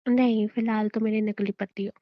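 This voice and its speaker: A woman's voice: medium pitch, flat delivery, normal speed. Playful pleading young woman, lo-fi. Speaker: wife in a skit. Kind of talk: scripted comedic phone-call skit. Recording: muffled lo-fi phone audio.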